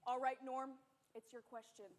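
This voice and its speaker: A woman's voice: high voice, level tone, normal speed, natural voice. A woman playing a gleefully cruel game show host in a comedy sketch, announcing prizes in a showy, mocking way.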